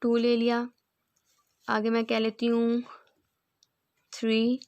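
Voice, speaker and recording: A woman teaching a mathematics lesson, explaining step by step, reading definitions out slowly and often checking in with her students. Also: a little high, completely flat delivery, darkish tone, clean tone. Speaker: math teacher. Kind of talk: classroom lecture.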